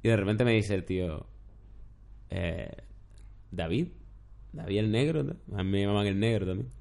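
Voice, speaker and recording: A man's voice: low voice, a little fast, vocal fry. A middle-aged man, chatting casually as a podcast host and telling rambling stories. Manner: rambling, storytelling with shouted impressions. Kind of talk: casual chat.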